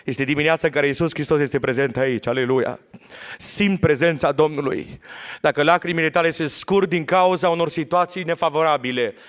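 A man preaching a sermon in a church, fervent, swinging from loud exclamations to hushed retelling. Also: a little high.

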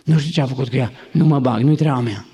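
A man's voice: mid-range voice, dark tone, voice pushed down, close to an everyday voice. A man doing an evasive, excuse-making soldier. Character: evasive, self-excusing male bystander soldier.

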